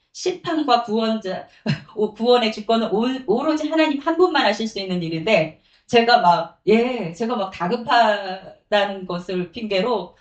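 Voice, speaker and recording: Animated woman preaching in echoey church. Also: on the high side, muffled recording. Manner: animated, acts out quotes, laughs often. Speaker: evangelist preaching. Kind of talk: sermon with personal testimony. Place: church sanctuary.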